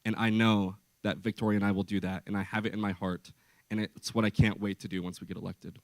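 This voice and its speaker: A young man with a fairly low voice makes his case to a debate audience. He is forceful and impassioned and drives his points home by repeating phrases. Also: little pitch movement, quick pace. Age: young adult. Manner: forceful, impassioned, rhetorical repetition. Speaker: student presidential candidate. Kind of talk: debate speech.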